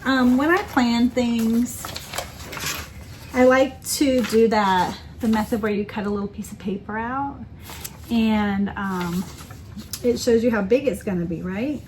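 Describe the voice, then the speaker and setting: A woman's voice: a little high, measured pace, darkish tone, a little hiss or hum. A woman in casual chat as a crafting vlogger, rambling and correcting herself with many ums. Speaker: cross-stitch vlogger.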